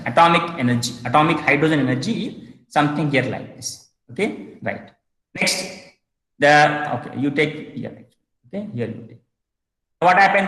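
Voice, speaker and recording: A man's voice: a little high, pushed and bright. A male chemistry teacher, lecturing and asking himself question after question. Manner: repetitive rhetorical questions, self-answering. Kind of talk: classroom lecture. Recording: echoey hall.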